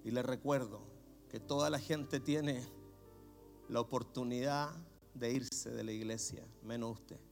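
A middle-aged man with a Chilean Spanish accent, preaching a sermon as a pastor, swinging from low murmurs to shouts. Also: fairly even intonation, a little slow, gravelly, soft background music.

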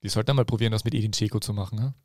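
A man's voice: fairly low pitch, steady tone, rapid-fire, darkish tone, dry recording, clean studio sound. A man with an Austrian accent hosting a podcast in casual chat, with frequent filler sounds and hesitations. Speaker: podcast host.

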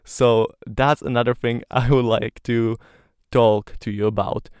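A young Slovak man, a native speaker of Slovak, hosts a casual podcast interview, sounding earnest and admiring and using "like" a lot. His mid-range voice is steady, a little slow and slightly mellow. The recording is clean and dry, with a clean studio sound.

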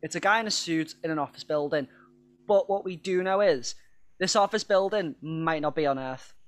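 A man's voice: on the high side, normal speed. A man co-hosting a podcast, chatting casually, rambling, laughing and swearing now and then. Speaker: podcast co-host. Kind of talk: casual chat.

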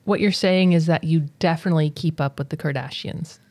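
A woman's voice: low-pitched, a little fast, a little mellow. Teasing young woman asking questions. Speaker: podcast co-host. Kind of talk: casual chat.

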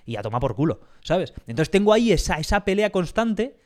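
A man's voice: high-pitched, big pitch swings, brisk, darkish tone. A man hosting a casual podcast interview, rambling and frank, swearing casually. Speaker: podcast host.

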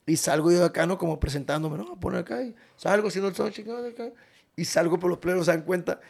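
A man's voice: sits high, quick pace, gravelly, darkish tone. A man, hosting a podcast and telling crude, slangy stories full of laughter. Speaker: podcast host. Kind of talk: casual chat.

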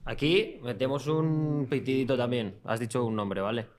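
A man hosting a podcast, casually jumping in with quick questions and recaps of the guest's story. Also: mid-range voice, darkish tone. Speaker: podcast host. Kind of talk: casual interview.

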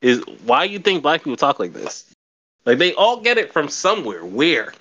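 A man's voice: a little high, sing-song, moderate pace, bright, forceful tone, lo-fi sound. A young man hosting a podcast, chatting casually and bluntly, swearing and repeating words as he thinks. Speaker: podcast host. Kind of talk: casual chat.

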